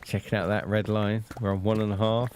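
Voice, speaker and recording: A man casually talking to himself while playing a video game, relaxed and unhurried. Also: fairly low pitch, slight background noise. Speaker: gameplay video host. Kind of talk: casual gameplay commentary.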